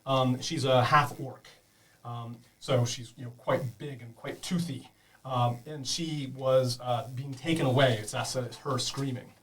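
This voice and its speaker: A man's voice: mid-range voice, steady tone, unhurried, a bit bright, far from the mic. A man narrating a tabletop game as game master, explaining rules to beginners in a chatty way with many fillers.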